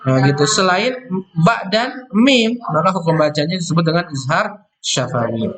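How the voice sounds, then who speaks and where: A man teaching Quran recitation rules, explaining step by step and slowly chanting verse words before each explanation. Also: a little high, lively intonation, a bit bright. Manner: explains step by step, often ending with "ya".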